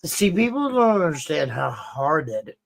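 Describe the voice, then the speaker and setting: Enthusiastic man, slightly high voice. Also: big pitch swings, normal speed, vocal fry. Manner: enthusiastic, effusive. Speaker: judge. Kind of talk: casual live-stream chat.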